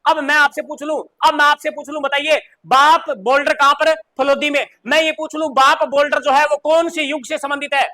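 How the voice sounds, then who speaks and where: Rajasthani man teaching a live class: high, bright, chatty, quizzes students. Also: level tone, fairly quick, few pauses. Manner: chatty, repeats questions to students. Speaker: coaching teacher.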